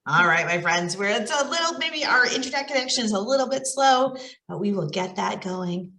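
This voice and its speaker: A woman library storyteller reading a fairy tale aloud for children in an expressive, animated way over a video call. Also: mid-range voice, brisk, echoey room.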